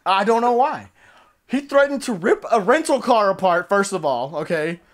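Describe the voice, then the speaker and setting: A man casually retelling a road-trip story, animated and profane, often laughing. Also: high voice, moderate pace. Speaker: show regular.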